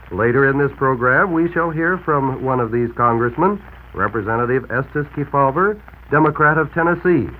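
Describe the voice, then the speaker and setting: A man co-hosting a radio program, announcing in a formal, measured 1940s manner with an old newsreel-style broadcast sound. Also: medium pitch, a little hiss or hum. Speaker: radio co-host reporting from the capital. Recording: tinny lo-fi 1940s radio recording.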